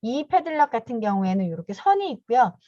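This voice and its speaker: Fifties lady teaching teachers online, kinda high voice, polite, says yes a lot, muffled dry call audio. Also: big pitch swings, fast, dark tone, no echo. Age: 50s. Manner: polite, step-by-step explaining, starts phrases with a short affirming "yes". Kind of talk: online training talk with screen demo. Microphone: video call mic.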